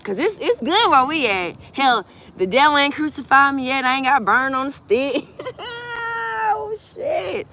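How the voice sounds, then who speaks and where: A woman giving a casual, animated tarot reading outdoors by the water into a phone camera, swinging between hushed and loud. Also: sits high, brisk. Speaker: tarot reader. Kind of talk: casual emotional tarot vlog.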